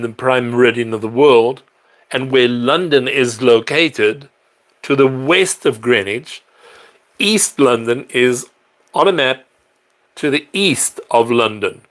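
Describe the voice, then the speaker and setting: A man's voice: medium pitch, a little slow, fairly bright tone. Middle-aged guy chatting on his livestream, rambly, lots of ums, answers viewers. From South Africa. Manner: chatty and rambling, with fillers and self-corrections. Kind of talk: casual live-stream chat. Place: apartment in a large city.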